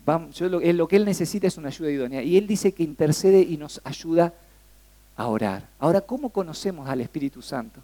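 A young man with a Rioplatense Spanish accent preaches a little fast in a fairly high voice. He keeps the sermon conversational and lively, frequently asking the congregation questions.

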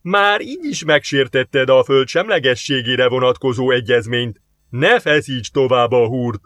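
A man voicing a scheming male alien diplomat in an audiobook, formal and calm, quoting rules. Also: mid-range voice, no echo, natural voice. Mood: defensive.

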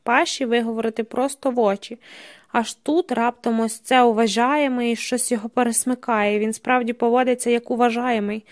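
A woman reading literary prose aloud, steady and measured with tense dramatic emphasis. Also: fairly high pitch. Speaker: audiobook narrator. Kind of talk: scripted literary narration.

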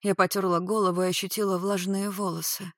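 A woman's voice: mid-range voice, little pitch movement, a little fast, fairly bright tone, no echo, clean studio sound. A woman narrating a first-person novel as an audiobook, with a tense, dramatic reading. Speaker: audiobook reader.

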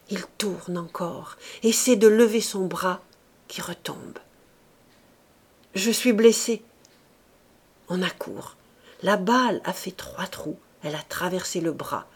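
Woman, audiobook reader, unhurried delivery, mid-pitched voice, expressive and measured. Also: breathy edge. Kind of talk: unabridged novel reading.

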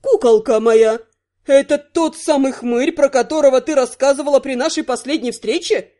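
Storybook fashion master, vain and touchy, slow affected drawl, mellow tone, read by a woman. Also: high voice, lightly acted. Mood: scornful. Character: flamboyant theatrical male couturier, jealous.

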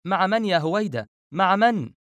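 A man's voice: high voice, big pitch swings, moderate pace, a bit bright, no room sound, pitched above the performer's own voice. A man doing a hysterical doctor pleading on the phone. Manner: hysterical, pleading repeated questions.

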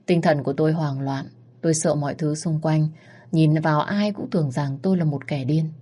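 A woman narrating a dramatic first-person story in a steady reading voice. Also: low voice, a little fast, breathy edge.

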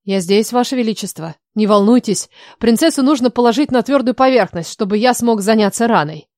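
A woman's voice: a little high, fairly quick, darkish tone, no echo, clean studio sound, natural voice. A woman reading an audiobook voices a male court healer who talks in a fussy, businesslike, reassuring way.

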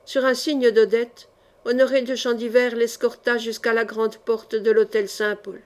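A woman with a fairly high voice reads a historical adventure novel aloud. Her storytelling is measured and steady, and she keeps an even narrator's tone throughout. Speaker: audiobook reader.

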